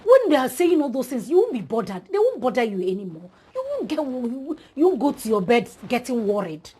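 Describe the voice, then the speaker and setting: A woman's voice: a little high, big pitch swings, fairly quick, dark tone, husky. A woman preaching an exhortation, speaking straight to her listeners with emphatic repetition.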